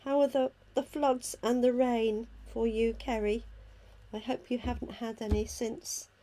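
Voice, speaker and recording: A hoarse, croaky-voiced woman chattily talking through each step of a casual live craft tutorial as she works. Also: a little high, flat delivery, a little slow, warm tone, poor audio. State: hoarse from illness. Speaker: craft demonstrator hosting a live stream. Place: at a craft table indoors.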